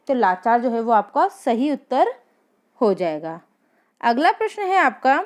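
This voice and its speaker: A woman teacher leading an exam-prep lesson, reading out each question and its options slowly, then giving and explaining the answers. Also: high-pitched, a little mellow.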